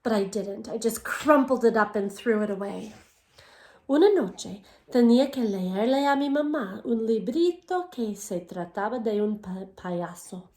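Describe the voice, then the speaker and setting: At a moderate pace, a bright-voiced female teacher on the high side reads a bilingual picture book to elementary students, alternating English and Spanish. Her storytelling is expressive, with questions put to the kids, in an echoey room.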